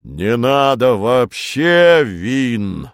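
A huge red-cheeked baron from a storybook, booming and blustering, as a male reader puts him on. He stretches his words out slowly and keeps his voice raised and lively, rising higher than the narration around him. The recording is dry and close. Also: no room sound. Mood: booming jovial.

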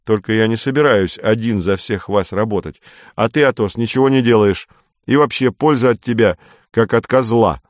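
A man voicing the captain, a bossy, hot-tempered boy who shouts and sulks. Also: lowish voice, moderate pace, no room sound, natural voice. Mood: stern. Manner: shouting, iron-voiced, sulky.

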